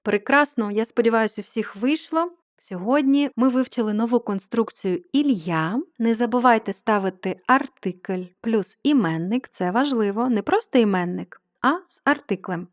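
Woman, online language teacher, fairly high voice, patient and clear, dry close sound. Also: no room sound. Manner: slow, drawn-out model words. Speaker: French teacher. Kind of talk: online grammar lesson.

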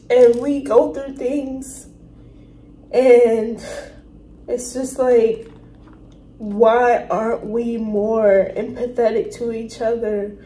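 A woman hosting a reaction video, talking earnestly and emotionally with halting, apologetic restarts. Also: on the high side. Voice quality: emotional, soft-spoken. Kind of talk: casual reaction commentary. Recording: roomy room with faint noise.

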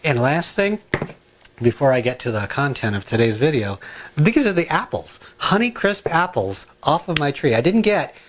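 A middle-aged man chatting casually in his home kitchen, rambling and excitable, full of asides and ums. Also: on the high side, moderate pace, a little hiss or hum. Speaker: home cooking and gardening vlogger.

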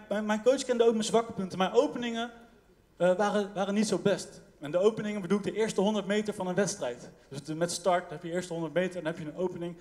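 A man with a high voice delivers a lively sermon to his congregation, repeating phrases for emphasis and calling out to the church. His voice rings through a large church hall with a long reverb. He speaks with a Dutch accent. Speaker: pastor.

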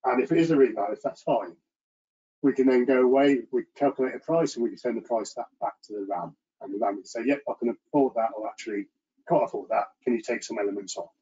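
Man with a muffled monotone delivery. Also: mid-range voice, quick pace, slightly rough. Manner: earnest, frequent restarts and repetitions; self-described monotone delivery. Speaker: presenter at an engineering section meeting. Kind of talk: online presentation and Q&A. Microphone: video call. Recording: muffled lo-fi video call audio.

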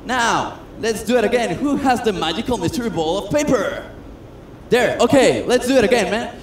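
Man, high voice, chatty self-mocking magician patter; echoey stage, noisy room. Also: expressive, moderate pace. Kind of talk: comedic stage patter with audience. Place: cruise ship stage. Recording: echoey stage sound with noise.

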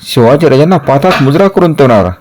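A man reading a historical novel aloud in a steady, earnest storytelling manner. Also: a little high, fast talker, slight background noise.

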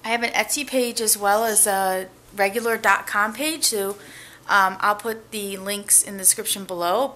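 A family vlogger talks upbeat and straight to her viewers in a casual vlog, holding the camera at arm's length as she moves from a car into her home kitchen and living room. Her voice sits on the high side and sounds a bit bright, with slight background noise.

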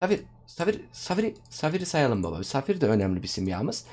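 A young man giving casual, excitable commentary over his own gameplay, chatting to his viewers like friends. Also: mid-range voice, quick pace. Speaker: gaming YouTuber.

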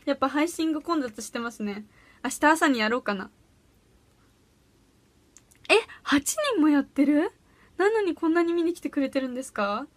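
Teen girl livestreaming from her room, high bright voice, giggly and bubbly, chatting w viewers. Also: dry recording. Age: teens. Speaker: audition livestreamer. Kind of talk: casual solo livestream chat reading comments. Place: small humid room at home.

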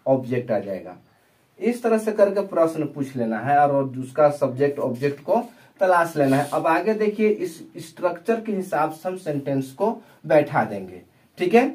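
In a classroom lesson on tenses, a man teaches English grammar in Hindi with a sing-song voice on the high side and a darkish tone. He speaks slowly, repeats himself, and answers the very questions he asks. The mic is distant.

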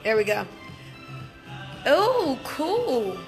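Her high voice is very animated yet very slow, set against soft background music on poor audio. The middle-aged livestream host, who promotes a wellness business, chats enthusiastically and casually with viewers in an indoor gym, her phone held at arm's length.

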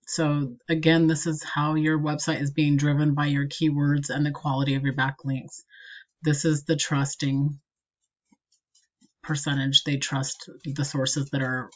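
A woman's voice: deep voice, highs cut off. Woman explaining SEO over a screen recording. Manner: explanatory, steady and practical. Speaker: marketing consultant.

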